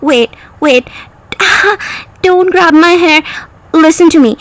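In a comedic parody, a woman voices a prim, flustered female autocorrect program. Her very high-pitched voice moves slowly, and she sounds melodramatic, coy and pleading.

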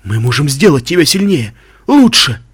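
A man voicing ancient magic glyphs that coax and tempt in a whisper-like tone, with a husky voice. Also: fairly high pitch, big pitch swings, moderate pace, dry recording, clean studio sound, exaggerated voice. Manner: whispering, coaxing.

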